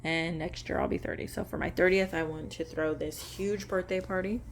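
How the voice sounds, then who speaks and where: A woman in her late twenties, a budgeting vlogger, sorts cash into budget envelopes while chatting casually, rambling and correcting herself with small laughs. Her fairly low voice moves at a moderate pace with fairly even intonation. A slight hiss or hum is audible.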